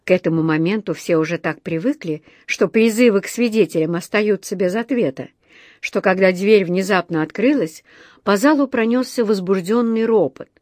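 A woman's voice: mid-range voice, normal speed, a little mellow, no room sound, studio quality. Woman reading a children's audiobook. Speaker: narrator.

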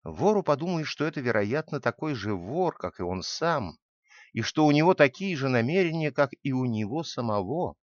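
A man narrating a fable with an expressive, dramatic reading, in a dull, dry recording. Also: medium pitch, normal speed, no room sound.

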